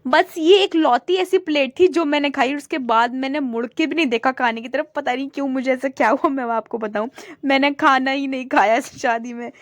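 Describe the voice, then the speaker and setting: A young woman with a high voice narrates her vlog in a chatty, casual way, walking viewers through everything in front of her. The sound is close and dry. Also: fairly quick, no room sound. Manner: chatty, showing things to viewers. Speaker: vlogger.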